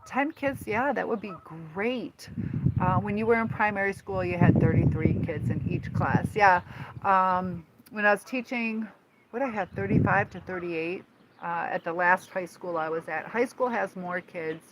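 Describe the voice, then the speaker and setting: A woman in her fifties, hosting a casual live stream, talking in a rambling, halting way with many fillers. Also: on the low side. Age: 50s. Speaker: livestream host and teacher. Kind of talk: casual live-stream chat answering viewers. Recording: noticeable background noise.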